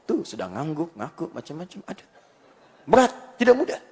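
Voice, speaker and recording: Male preacher with a higher voice, animated and jokey, recites Arabic verses; long hall reverb. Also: brisk, breathy edge. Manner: animated and joking, acts out everyday quotes; quotes Arabic verses and hadith. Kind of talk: live sermon to a congregation.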